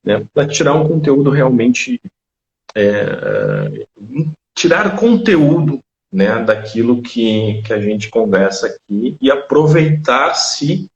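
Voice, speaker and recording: A man's voice: medium pitch, very animated, slow pace, vocal fry. A man hosting a casual interview, talking in a rambling way and correcting himself as he goes. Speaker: interview host. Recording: dull, echoey remote audio.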